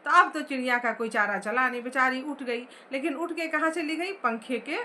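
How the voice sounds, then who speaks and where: A woman's voice: high-pitched, moderate pace, sharp tone, slight background noise. A woman teacher explaining a story chapter line by line, asking the class questions as she goes.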